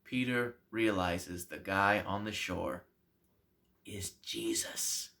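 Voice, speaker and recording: A man, a pastor, telling a Bible story to children in a slow, deliberate way. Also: low-pitched, creaky, sharp tone.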